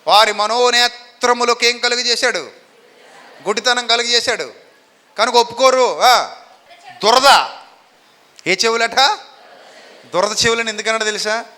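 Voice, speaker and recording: Male pastor, sermon, high bright voice, quizzes the congregation, echoing hall. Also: normal speed, long pauses, smooth. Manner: animated, questions the congregation and has them answer. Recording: long hall reverb.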